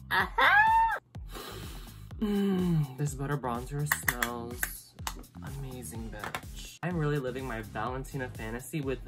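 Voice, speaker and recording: Sassy deep-voiced woman doing makeup. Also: steady tone, normal speed. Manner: sassy, profane, dramatic exclamations. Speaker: makeup vlogger. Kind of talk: casual makeup tutorial. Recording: music playing underneath.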